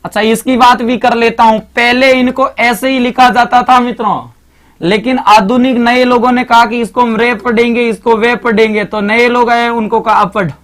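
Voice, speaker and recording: Marwari guy teaching grammar live online, kinda high voice, says watch out over and over. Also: flat delivery, moderate pace, fairly bright tone. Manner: repetitive, chatty, keeps urging students to pay attention.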